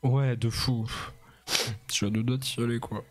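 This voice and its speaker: A man's voice: medium pitch, flat delivery, normal speed. A male streamer chatting casually over a game, joking crudely and laughing often. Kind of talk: casual gaming stream chat. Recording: music playing under the voice. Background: background music.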